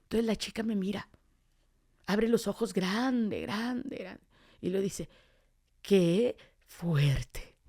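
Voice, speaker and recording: A woman speaks slowly with long pauses, her medium-pitched voice darkish in tone. A street evangelist appearing as a podcast guest, she recounts her testimony as a story, voicing the remembered dialogue.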